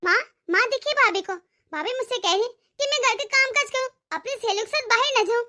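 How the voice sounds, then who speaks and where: A spoiled young daughter of the house in a cartoon, voiced by a woman, whining and protesting in a very high, bright voice. She refuses chores with an indignant, put-upon tone. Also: quick pace. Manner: whiny, protesting.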